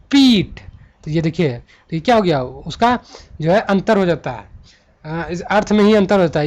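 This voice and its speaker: High-voiced man teaching grammar, repetitive. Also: a little mellow. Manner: repeats words, asks and answers his own questions; slow, drawn-out stress on key words. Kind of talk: classroom-style lesson. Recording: dull lo-fi recording.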